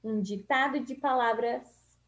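Woman teacher, brazilian accent, very slow, stretched-out words, slightly high voice, sing-song for small kids. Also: dull audio. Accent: Brazilian Portuguese. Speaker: primary school teacher. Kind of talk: slow, syllable-by-syllable reading lesson.

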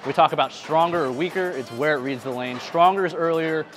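Fast-talking man explaining bowling. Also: a little high, over music. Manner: quick, explanatory, talks while bowling. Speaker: pro bowler and video host. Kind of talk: casual instructional vlog. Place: bowling alley, indoors. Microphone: clip-on lapel mic.

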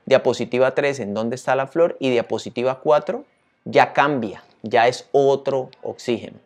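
A male teacher walking viewers through a tutorial in a lively, chatty way, often asking them questions. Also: mid-range voice, normal speed. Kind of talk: screen-share tutorial.

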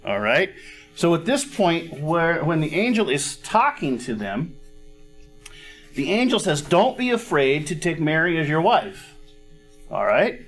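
A middle-aged male pastor preaches slowly and deliberately, in a slightly raised voice. He talks conversationally, often pausing to ask if everyone is following, and clears his throat now and then. Faint instrumental music plays softly behind him. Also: a little high, very animated. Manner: conversational teaching, frequent "all right?" check-ins. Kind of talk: sermon. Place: church stage with a cozy fireplace set.

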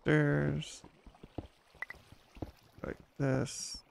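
A man's voice: fairly high pitch, flat delivery, drawn-out words, vocal fry, background noise. A man casually commenting to himself while playing a video game, with hummed tunes and little sound effects. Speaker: gaming channel host. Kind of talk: relaxed gameplay commentary.

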